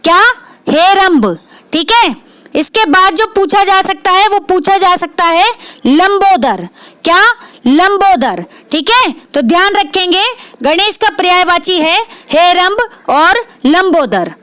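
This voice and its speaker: Teaching vocabulary for Hindi exams, this female tutor says each word twice and answers her own questions as part of an exam prep lesson in Hindi literature. She speaks slowly with lively intonation in a very high, fairly bright voice, and the recording is dry.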